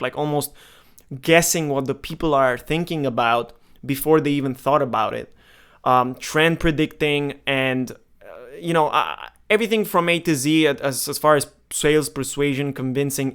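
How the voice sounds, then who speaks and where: A Romanian marketing vlogger in his twenties speaks candidly and emphatically straight to the camera in a casual monologue. His medium-pitched voice is smooth with a fairly bright tone.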